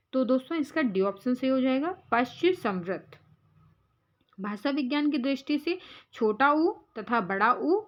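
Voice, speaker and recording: A woman's voice: on the high side, highs cut off. A woman teaching as an exam prep tutor, going through quiz answers step by step and calling her viewers friends.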